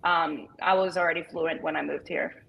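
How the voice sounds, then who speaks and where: A woman's voice: low-pitched, steady tone, moderate pace, vocal fry, muffled recording, a little hiss or hum. A woman in her thirties from Brazil with a Brazilian accent and Portuguese as her first language, chatting easily and laughing as an interview guest. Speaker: guest, business owner. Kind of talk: casual interview chat.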